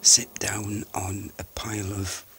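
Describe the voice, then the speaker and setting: A man whispering a comic podcast segment from a cupboard in a hushed, deadpan way. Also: on the low side, slow pace, background noise.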